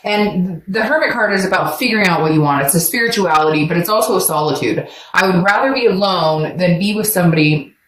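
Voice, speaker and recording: Animated woman giving a tarot reading. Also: on the low side, a little fast, few pauses, reverberant, rough recording. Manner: animated, acts out voices in quotes. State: sore throat. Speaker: tarot reader.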